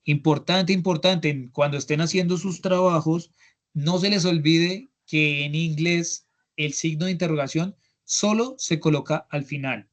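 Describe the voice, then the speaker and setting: A Colombian-accented man leads an online language class over a computer mic. His voice sits a little on the high side as he explains grammar step by step. He keeps checking in with the students as he goes. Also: a little slow. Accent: Colombian Spanish. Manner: explanatory, often checks in with "¿listo?". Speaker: English instructor. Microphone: computer mic on a video call.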